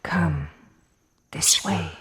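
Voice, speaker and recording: A woman voicing a mysterious disembodied voice from an ancient book, hushed and ominous, in an audio drama. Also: deep voice, exaggerated voice. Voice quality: slow, breathy, hushed, ominous.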